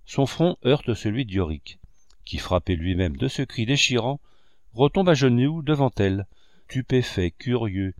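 A man narrating a novel as an audiobook, measured and expressive. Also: medium pitch, no echo.

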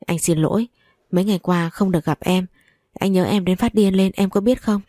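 A woman's voice: lowish voice, brisk, dry recording, clean studio sound, lightly acted. A woman voicing a protective man comforting his partner, in a read-aloud story. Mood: tender. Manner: gentle and soothing. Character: protective loving man, angry then tender.

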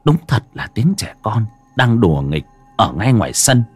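A man narrating a horror story with dramatic, suspenseful pacing and sharp rises and drops. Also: fairly low pitch, sing-song, normal speed, soft background music.

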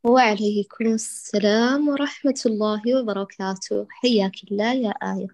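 A woman's voice: mid-range voice, fairly even intonation, normal speed, darkish tone. A woman teaching Quran recitation who patiently corrects her students, models each sound and praises them with many blessings. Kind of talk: online recitation correction lesson.

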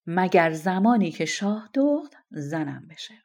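A woman voicing a stubborn young shepherd who gives firm, flat refusals in a fairy-tale reading. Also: fairly low pitch. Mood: defiant.

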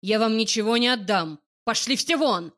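A woman voicing a drunk, furious middle-aged father who bellows and yells in an audiobook. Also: on the high side, lively intonation, moderate pace. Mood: drunken rage. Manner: yelling, slurring aggression. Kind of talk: audiobook character voice.

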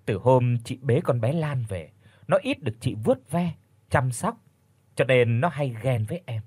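A man narrating an audiobook story, shifting his pitch for each character's lines. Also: lively intonation, a little slow, darkish tone, breathy edge, no echo. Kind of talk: storytelling narration with voiced dialogue.

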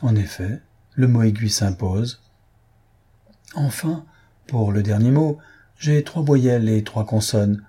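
A man voicing a sharp young male detective who reasons aloud step by step. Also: fairly low pitch, takes it slowly, long pauses, breathy edge. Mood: reasoning.

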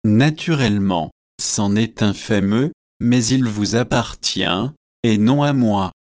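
A man's voice: fairly low pitch, darkish tone, no room sound. A man voicing a witty young student who teases and argues, in an audiobook reading. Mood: arguing. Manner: teasing, quick to argue.

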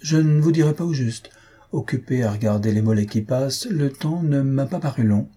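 A man's voice: mid-range voice, animated, moderate pace, dark tone, breathy edge, pitched above the performer's own voice. A man voicing a mocking, teasing man in a storybook reading, with ironic, overly grand politeness. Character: mocking, teasing middle-aged man at the lodge.

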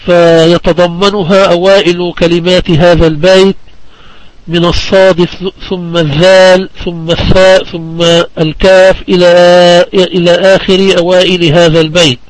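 A man from Palestine teaching the rules of Quran recitation in a deliberate classroom manner, repeating key phrases for his students. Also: high-pitched, level tone, no echo, low-quality recording. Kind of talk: religious lesson on recitation rules.

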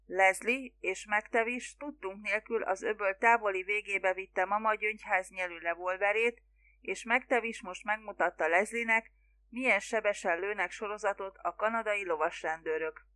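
Bright-voiced woman reading a story. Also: medium pitch. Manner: even, measured storytelling. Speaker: audiobook reader. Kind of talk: scripted narration.

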